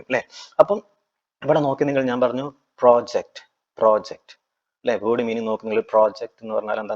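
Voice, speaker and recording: A man teaching an exam-prep lecture, asking his students frequent tag questions and reading English lines slowly. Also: on the low side, darkish tone, muffled recording.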